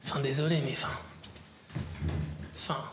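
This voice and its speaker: A man talks casually on a live stream, bantering with his audience and reacting to their comments. His voice sits at a middling pitch. The room around him rings with noticeable echo, and a light background hiss runs underneath. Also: level tone, normal speed. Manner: chatty, reacting playfully to viewers' comments. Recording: roomy echo, faint background noise.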